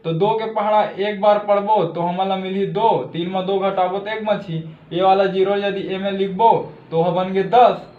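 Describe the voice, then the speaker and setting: A man's voice: sits high, fairly even intonation, normal speed, hardly any pauses, echoey room, phone-quality sound. A man with a Chhattisgarhi accent teaching a step-by-step math lesson, often checking in with "thik hai".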